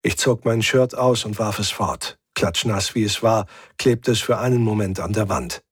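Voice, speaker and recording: Husky man reading a tense story. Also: moderate pace, no room sound, clean studio sound. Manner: tense, voices characters by pitching up. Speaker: audiobook narrator. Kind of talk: dramatic first-person audiobook reading.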